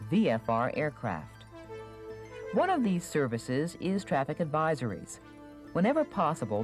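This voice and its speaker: Speaking at a medium pitch, a narrator reads a scripted instructional video in a measured way, enunciating each word clearly.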